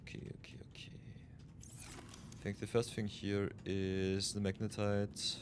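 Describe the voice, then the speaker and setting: A man's voice: lowish voice, completely flat delivery, measured pace, noisy background. A man from Austria chatting casually while streaming a game, thinking aloud as he plays. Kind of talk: live gameplay commentary.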